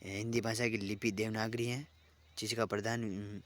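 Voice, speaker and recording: A man teaching an online exam-prep lesson, reading out word lists slowly and repeating phrases as he explains. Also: lowish voice, flat delivery.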